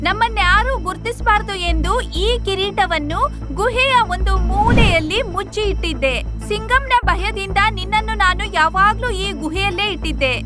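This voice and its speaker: A woman's voice: extremely high pitch, moderate pace, voice pushed up. A woman voicing a protective mother lioness in a cartoon, recounting and pleading. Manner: pleading, storytelling. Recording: music under the voice.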